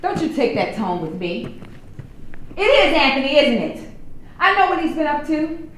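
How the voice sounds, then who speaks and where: An actress playing a middle-aged, controlling pastor's wife who scolds and shouts at her grown daughter. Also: high-pitched, sing-song, normal speed, far from the mic. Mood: scolding. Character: controlling overbearing church first-lady mother. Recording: very echoey room, faint hiss.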